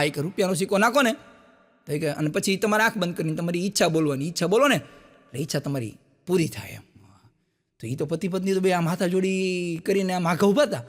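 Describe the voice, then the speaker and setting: A man doing live stand-up, telling folksy village jokes and acting out characters' lines in quick back-and-forth quotes. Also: high voice, fairly bright tone, in a large hall. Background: audience laughter.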